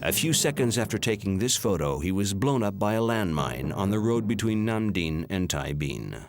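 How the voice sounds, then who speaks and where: A man giving measured, solemn scripted narration for a documentary. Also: lowish voice, animated, noisy background. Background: music.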